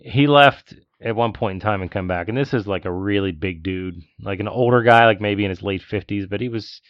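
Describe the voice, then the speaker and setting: Low-voiced guy ranting on a podcast, dull dry lo-fi sound. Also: brisk, dry recording. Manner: animated storytelling, ranting. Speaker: podcast co-host. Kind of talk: casual chat.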